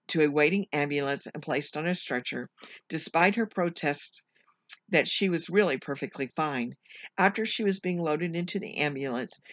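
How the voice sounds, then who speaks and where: A teacher reading a children's chapter book aloud at home, measured and careful, now and then correcting a slipped word. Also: mid-range voice, fairly bright tone, no room sound. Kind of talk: storybook read-aloud.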